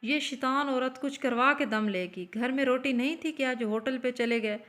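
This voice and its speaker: A woman voicing an angry, abusive older father-in-law who rebukes his son's wife. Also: high-pitched. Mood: furious. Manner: furious shouting rebukes.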